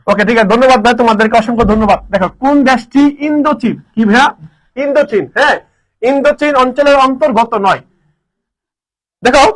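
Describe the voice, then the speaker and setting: A man teaching a live online lesson, energetic, repeating answers and quizzing his students. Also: very high-pitched, low-quality recording. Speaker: admission coaching teacher.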